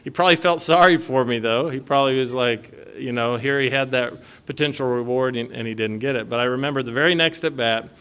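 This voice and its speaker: A man's voice: mid-range voice, fairly quick, hardly any pauses, fairly bright tone, smooth. A man giving a conversational, folksy sermon, reading scripture aloud and chuckling between points. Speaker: preacher.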